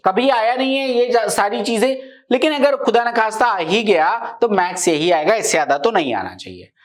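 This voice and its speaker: A male maths teacher giving a live class, explaining each step and often checking that his students follow. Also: sits high.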